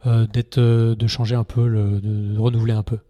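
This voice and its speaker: Mellow-voiced man telling stories animatedly. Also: fairly low pitch, a little fast. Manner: animated storyteller, acts out scenes in shouts. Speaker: guest, poker TV presenter. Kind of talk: casual podcast interview.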